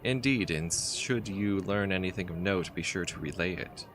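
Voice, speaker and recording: A stiff, reserved Victorian gentleman giving an order in a text adventure game, as a man reads him out. The voice is very low and quiet, with a measured, formal delivery. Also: a little hiss or hum.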